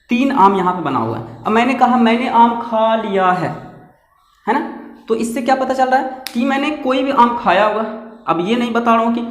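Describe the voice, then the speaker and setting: A man's voice: high-pitched, a bit bright. Male grammar teacher, echoey room. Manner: repeats and asks the class questions. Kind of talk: explaining grammar on a board. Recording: echoey room with long reverb.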